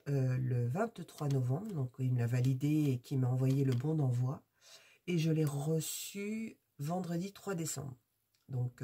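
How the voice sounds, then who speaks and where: A woman's voice: sits low, warm tone, breathy edge. A woman from France, a crafts YouTuber, chatting casually and rambling through a product unboxing with many hesitations.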